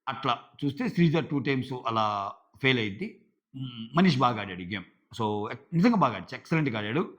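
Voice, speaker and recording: A man's voice: mid-range voice, expressive, brisk, long pauses, a bit bright, lo-fi sound. A man giving a casual, chatty recap of a reality show episode, full of fillers. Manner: chatty, filler-heavy retelling. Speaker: show reviewer.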